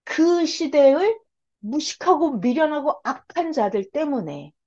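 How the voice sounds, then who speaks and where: Woman preacher lecturing, swings her pitch a lot, repeats her points hard, muffled recording. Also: lively intonation, measured pace, warm tone. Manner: asks rhetorical questions and answers them herself; emphatic repetition. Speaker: Bible lecturer. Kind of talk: sermon-style Bible lecture. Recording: dull lo-fi recording.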